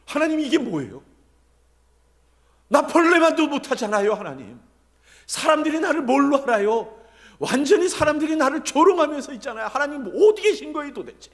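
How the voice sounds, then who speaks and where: Preacher doing a desperate king, high strained shouting, near tears, swinging wildly. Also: big pitch swings, fairly quick, big-room sound, heavily acted. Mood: exasperated. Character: anguished biblical king crying out to God.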